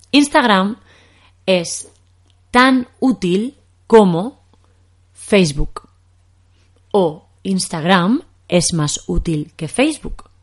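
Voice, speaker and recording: A young woman from Spain teaches a podcast language lesson in Castilian Spanish. She talks slowly and patiently, working through one example after another, and her voice sits a little on the low side.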